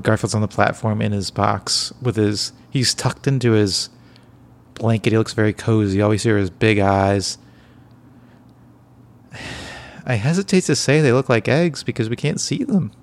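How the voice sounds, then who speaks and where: A man co-hosting a casual comedic podcast, talking in a quiet, low-key late-night way with a halting, rambling, dry joking delivery. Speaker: podcast co-host.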